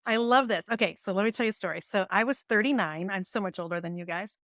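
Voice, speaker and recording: Talking fast in a mid-range voice, a woman in her forties who coaches businesses and writes books tells casual stories for a podcast interview. She animatedly performs her own inner voice with laughter, and the studio sound is clean with no echo.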